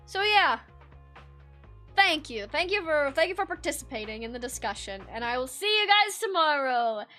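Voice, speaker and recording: A woman's voice: sits high, very animated, moderate pace, soft background music. A young woman streaming, chatting casually with viewers in a sleepy, rambling way with many restarts. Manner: laid-back, rambling with many restarts and soft laughs. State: sleepy, yawning. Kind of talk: casual live-stream chat reading viewer comments.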